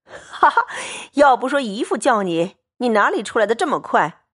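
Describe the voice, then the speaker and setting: A brash, boisterous young rich man, as a woman reader puts him on. He speaks loudly, pushy and wheedling by turns. This is a storybook reading of a classic novel. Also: fairly low pitch, very animated, normal speed, husky. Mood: brash laughing. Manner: laughing, brash, then wheedling.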